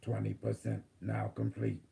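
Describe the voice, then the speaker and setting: Man playing a gentle care-robot AI healer, gravelly and low. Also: a little hiss or hum. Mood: robotic, caring. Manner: slow monotone machine announcements, gentle caring tone. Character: calm male future AI healer. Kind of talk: spiritual channeling session.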